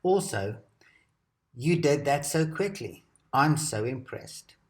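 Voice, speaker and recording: A man reading a scripted educational narration at a measured, steady pace. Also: medium pitch. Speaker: presenter.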